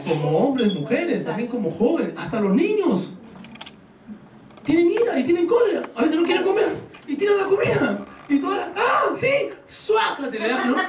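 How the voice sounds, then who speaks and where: Man, pastor, sermon, high voice, joking, rhetorical questions, echoey hall, distant mic. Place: church hall.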